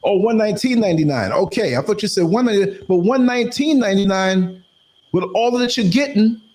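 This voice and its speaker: A man hosting a casual interview, asking questions in a lively, playful way. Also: sits high, brisk. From United States. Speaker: podcast host.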